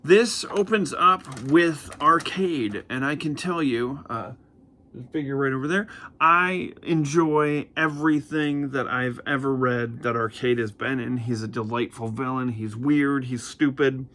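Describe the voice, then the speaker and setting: A man's voice: mid-range voice, measured pace, pushed and bright. A man in his forties hosts a casual comic review vlog. He rambles with enthusiasm and uses many fillers. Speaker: comic book reviewer host.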